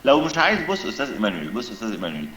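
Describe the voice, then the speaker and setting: Fast, insistent Egyptian man debating. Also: medium pitch, big pitch swings, fairly bright tone, reverberant, slight background noise. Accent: Egyptian Arabic. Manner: insistent, repeats himself, explains with examples. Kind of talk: religious debate.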